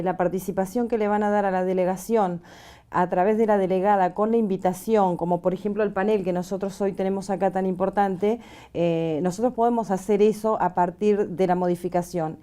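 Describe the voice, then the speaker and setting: Hesitant woman with a warm voice. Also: medium pitch, steady tone. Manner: hesitant, many filler pauses. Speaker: panel guest. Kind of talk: panel discussion.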